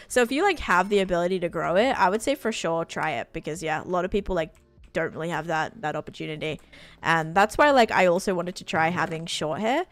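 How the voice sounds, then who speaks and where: A lowish female voice, recorded dry, belongs to an Australian woman in her late twenties. She's streaming a game and chatting in a casual, rambling way with many fillers.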